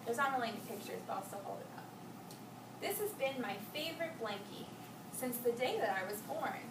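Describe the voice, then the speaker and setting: Animated and a little fast, this young student teacher's high-leaning voice reads aloud and speaks simply to young children. The indoor classroom recording sounds distant and roomy, with plenty of background noise.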